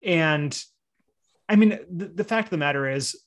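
This is casual podcast conversation from a writer guest in his forties who rambles easily, laughs a lot, and uses surfer slang. He speaks at a moderate pace in a voice on the high side.

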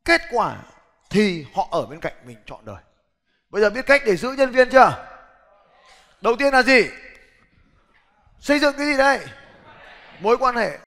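A middle-aged man giving a lively, blunt motivational business seminar talk, challenging the audience directly. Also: very high-pitched, moderate pace, pauses often. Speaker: seminar speaker. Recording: long hall reverb.

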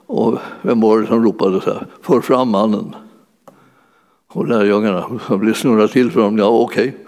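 A man's voice: on the low side, steady tone, a little mellow. A man preaching a sermon in a church hall, in a conversational way that keeps searching for words with many fillers. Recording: long hall reverb.

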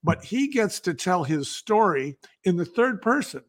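In a casual podcast interview, a business founder tells stories about his business with an enthusiastic, salesmanlike delivery. His voice is high-pitched, a bit bright, and very animated, though he speaks unhurriedly.

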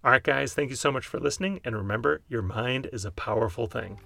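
A man's voice: mid-range voice, quick pace, creaky, bright, forceful tone, soft background music. A man with an American accent giving conversational, explanatory advice as a podcast co-host. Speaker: podcast co-host, mental health provider.

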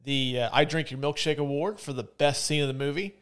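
A man's voice: a little high, fairly quick, a bit bright, clear, resonant tone. A man hosting a podcast, chatting casually in a loose, profane way and often dropping into mock voices. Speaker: podcast host. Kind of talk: casual chat.

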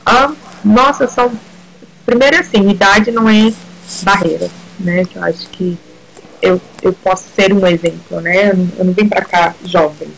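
A woman's voice: medium pitch, moderate pace, creaky, a little hiss or hum, poor audio. A middle-aged woman from Brazil, a guest in a casual interview, talking hesitantly with many restarts and mixing in English words.

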